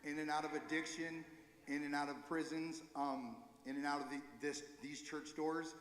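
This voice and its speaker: A man's voice: medium pitch, a bit bright. Earnest man speaking in an echoey church. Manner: earnest, halting, self-correcting. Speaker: recovery ministry leader. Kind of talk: informal church talk. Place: church sanctuary. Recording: echoey hall with long reverb.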